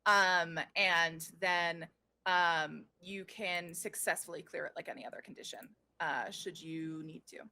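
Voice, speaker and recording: A woman running a tabletop game as game master, narrating and explaining rules in a playful, informal, halting way. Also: on the low side, steady tone, sharp tone.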